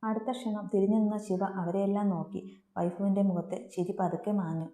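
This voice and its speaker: A woman reads a serialized family story aloud in a steady, earnest manner. Her voice is mellow and warm rather than bright. The recording carries a clear room echo. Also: medium pitch, brisk. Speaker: story narrator. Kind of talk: storybook narration. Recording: roomy echo.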